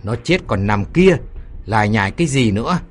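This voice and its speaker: A man doing a gruff older silk merchant. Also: medium pitch, moderate pace, faint music behind, natural voice. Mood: angry. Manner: gruff, shouting. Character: stern older silk merchant, quick to shout.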